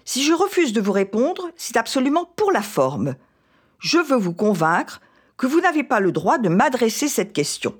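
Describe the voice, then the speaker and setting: A woman's voice: on the high side, very animated, breathy edge, voice pushed up. A woman reading aloud as a proud young wife who answers her husband with cold, dignified defiance. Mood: defiant. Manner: icy, measured, dignified defiance.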